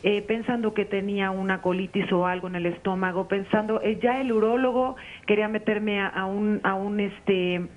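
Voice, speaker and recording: A woman's voice: mid-range voice, steady tone, moderate pace, few pauses. Woman in her forties on a muffled phone line. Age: 40s. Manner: long, earnest account with many hesitations. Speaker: caller. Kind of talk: live call-in testimony. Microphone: telephone.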